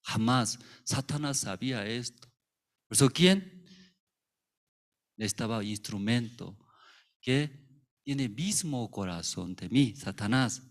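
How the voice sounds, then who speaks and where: A man's voice: medium pitch, slow pace, long pauses. A male pastor preaching a sermon in simple, broken phrasing, full of rhetorical questions and acted-out characters.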